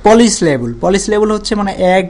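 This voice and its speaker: A man with a slightly raised speaking voice explains a grammar lesson to students. He drags out example words and says them more than once, breaking them into parts, and pauses often as he feels his way through the explanation. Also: sits high, expressive, darkish tone, soft background music. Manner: repeats and stretches words slowly to show syllables. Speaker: teacher.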